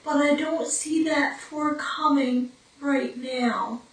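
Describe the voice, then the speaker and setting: A woman, telling her story as a brain injury survivor in a documentary interview, speaking in a halting way with pauses. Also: sits high, fairly even intonation, distant mic. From Newfoundland, Canada. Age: 40s. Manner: slow, halting, with pauses and fillers. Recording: echoey room, voice from off-mic.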